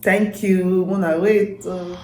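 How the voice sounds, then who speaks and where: A woman's voice: on the low side, little pitch movement, takes it slowly, a crowd in the background. Nigerian Pidgin-speaking woman in a roomy space. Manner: emphatic word repetition. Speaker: YouTube storyteller and channel host. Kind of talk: casual vlog address to followers. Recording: roomy echo.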